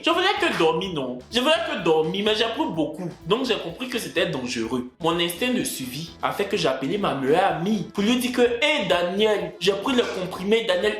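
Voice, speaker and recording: A young Ivorian man with a fairly high voice who talks in an animated, showy way, teasing his viewers and hammering his phrases home. He films himself at home on a camera mic. The room gives his voice a noticeable echo. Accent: Ivorian French. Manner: animated, theatrical, teasing, repeats phrases for effect. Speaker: vlogger. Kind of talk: comic self-promoting vlog rant.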